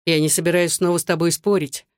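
Reader's take on a defiant young graduate, argumentative, loud, plain dry sound. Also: mid-range voice, flat delivery, fast, clear, resonant tone, no echo, natural voice. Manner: argumentative, raised voice. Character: young man, defiant military academy graduate. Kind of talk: audiobook reading.

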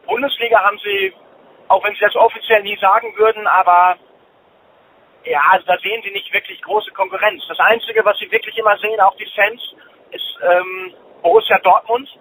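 A man's voice: sits high, fairly even intonation, a little fast, bright, forceful tone, a little hiss or hum, rough recording. A man giving an interview as a football expert, explaining confidently. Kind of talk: interview answers.

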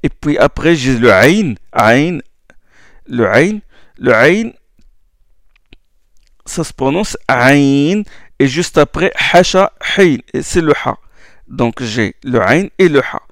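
A man teaching Quran recitation, explaining letter sounds slowly with many hesitations and checks like "hmm?", and demonstrating sounds aloud. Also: medium pitch, animated, a bit bright, no room sound, studio quality. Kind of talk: slow classroom explanation.

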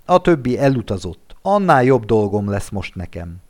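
A man reading a storybook and voicing a sly old man with a croaky voice. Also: fairly low pitch, very animated, a little mellow.

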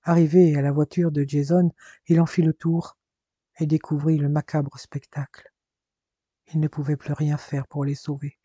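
A man narrating a dramatic story in an expressive reading style. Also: fairly high pitch, moderate pace, no echo, muffled recording. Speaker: audiobook narrator. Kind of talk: scripted narration.

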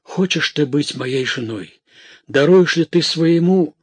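A man's voice: mid-range voice, animated, slow pace, breathy edge, no echo. A man reading an audiobook, voicing a passionate young man in despair, crying out urgently. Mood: impassioned. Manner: impassioned, exclaiming.

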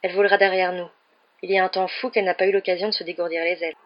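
A reader voicing an eager, tense young boy wizard with urgent, lively speech in a slightly muffled, lo-fi recording. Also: mid-range voice, racing, lightly acted.

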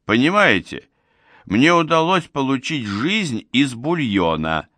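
A man voicing a drunk, dazed young village scientist who talks in an excited slur. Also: medium pitch, slow pace, no room sound, pitched above the performer's own voice, heavily acted.

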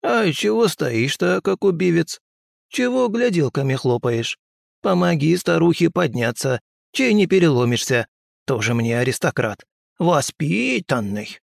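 Guy doing a bossy old witchy granny, scolding and cooing by turns, high and gravelly. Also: animated, unhurried, no echo, studio quality, heavily acted. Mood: mocking. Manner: scolding, folksy, cackling. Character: shrewd, bossy old village wise woman. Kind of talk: audiobook character voice.

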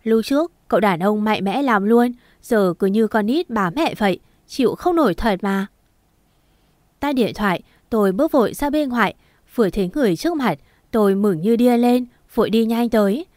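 A woman's voice: a little high, animated, normal speed, darkish tone, no room sound, studio quality. Woman reading a first-person story.

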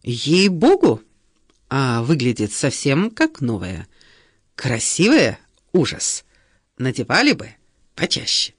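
Audiobook bit: woman reading a jittery, too-loud male math teacher, bouncy pitch. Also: wildly swooping pitch, slow pace, long pauses, slightly rough, no echo, clean studio sound, heavily acted. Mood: leering. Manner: blurting, yelps louder than needed.

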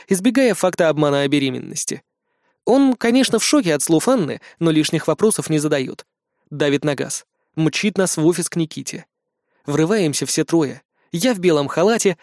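A man narrating an audiobook in a steady, intimate first-person storytelling manner. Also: fairly high pitch, no echo, clean studio sound.

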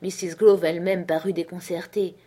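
A woman narrating a literary audiobook in a measured, earnest storytelling manner. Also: lowish voice, little pitch movement, dark tone. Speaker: audiobook reader.

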